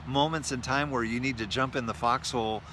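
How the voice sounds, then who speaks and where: A man's voice: medium pitch, steady tone, fairly quick, background noise. A man co-hosting a casual chat with his wife outdoors, joking and folksy, often repeating his words. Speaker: co-host, marriage coach. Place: outdoors, rain starting.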